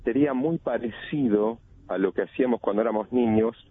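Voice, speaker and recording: A man who analyzes body language teaches over a phone call, speaking at medium pitch and fairly quickly, and chants to illustrate intonation. The line sounds tinny, with a little hiss or hum.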